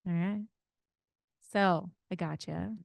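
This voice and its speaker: A woman's voice: lowish voice, steady tone, slow pace, vocal fry, no room sound, clean studio sound. A woman parent educator leading an interactive workshop, engaging the group with frequent questions and hands-on exercises. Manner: engaging, asks the audience many questions.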